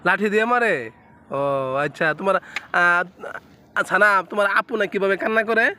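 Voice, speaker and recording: A woman's voice: mid-range voice, steady tone, brisk, bright, forceful tone, a little hiss or hum. A woman playfully coaxing a small child, asking him question after question in casual talk. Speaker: parent filming her toddler.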